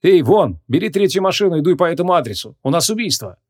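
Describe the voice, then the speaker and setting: A man voicing a sly, teasing male desk sergeant in an audiobook, pitched up and cheeky. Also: sing-song, quick pace.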